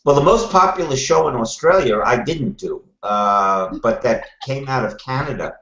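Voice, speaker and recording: An older man with a Brooklyn accent speaks as an interview guest, answering conversationally in a wry, deliberate way. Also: medium pitch, fairly bright tone. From Brooklyn, New York, USA. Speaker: guest, television producer. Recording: roomy, slightly muffled call audio.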